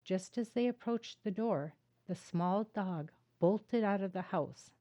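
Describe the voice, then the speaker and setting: A woman author reading her own book aloud in a measured, earnest narration, then speaking to her viewers. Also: mid-range voice, warm tone. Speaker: author and host.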